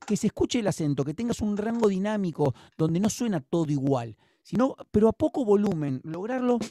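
A man's voice: high voice, animated, fairly quick, mellow, a little hiss or hum. A man teaching drums in an online class, explaining patiently and encouragingly with a Rioplatense Spanish accent over a video call. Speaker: drum teacher.

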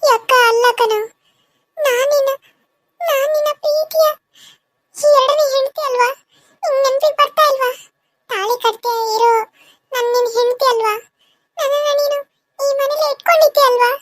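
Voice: very high-pitched, fairly even intonation, a bit bright, dry recording, studio quality. A performer voicing a vengeful female ghost, a murdered second wife, who taunts and accuses her killer in a cartoon serial. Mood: accusing. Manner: accusing, taunting, drawn-out wails.

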